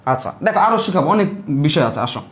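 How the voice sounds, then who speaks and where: A man teaching an online class in a high voice, repeating each rule and stopping often to ask the students if they follow. The room is roomy and echoey. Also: very animated, rapid-fire, a bit bright. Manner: repeats rules and keeps asking students if they understood. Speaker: Bengali language teacher.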